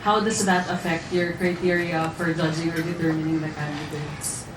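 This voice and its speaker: A woman's voice: deep voice, level tone, moderate pace. A woman reporter asking a hesitant question at a press conference. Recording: distant, roomy, loud background noise.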